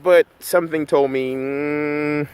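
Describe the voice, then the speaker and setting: This middle-aged Barbadian man, a numerology coach, speaks slowly in a slightly high, somewhat mellow voice with fairly even intonation. He's recording a casual, conversational vlog to camera in a park near road works, frequently asking "right?", and there's a little background noise.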